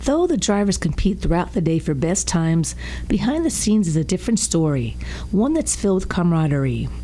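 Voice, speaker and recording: A woman's voice: on the low side, very animated, brisk, warm tone, slight background noise. A woman reading scripted news narration as a reporter.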